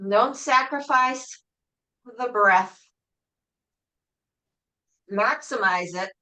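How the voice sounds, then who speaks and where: Bright calm woman Pilates instructor. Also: on the high side, very slow, rough recording. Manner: calm, encouraging, asks reflective questions. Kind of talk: guided exercise class cueing.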